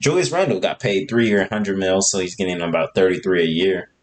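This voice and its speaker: A young man with a fairly low voice co-hosts a sports podcast, talking in an easy, unhurried way. He works through a list of basketball contracts, adding offhand opinions as he goes. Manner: relaxed, talks through a script of player deals. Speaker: podcast co-host. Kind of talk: casual sports chat.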